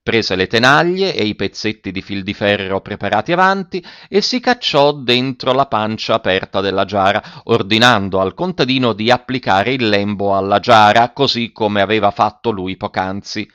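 Man reading a story with lively drama. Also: fairly low pitch, normal speed, few pauses, clear, resonant tone, no room sound, dull audio. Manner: dramatic, animated delivery. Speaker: narrator.

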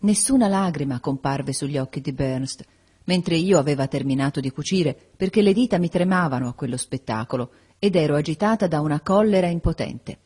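A woman narrates a classic novel for an audiobook. Her voice sits low with a husky, breathy grain, and her telling stays measured and even throughout.

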